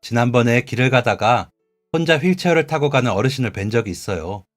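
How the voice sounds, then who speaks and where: A man voicing an earnest, gentle male café regular who pleads sincerely, read as a radio drama. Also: mid-range voice, expressive, a little fast, faint music behind, close to an everyday voice.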